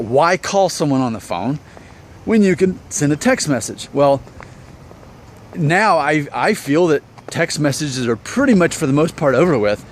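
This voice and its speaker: An opinion vlog host in his thirties talks casually to his viewers in a voice on the high side. He leans on rhetorical questions and self-deprecating humor, and slight background noise can be heard.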